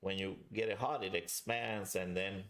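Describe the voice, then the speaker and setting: A man's voice: sits low, steady tone, moderate pace, a bit bright. A man hosting a casual live review and chat, talking directly to viewers in a chatty way. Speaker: livestream host and pipe reviewer.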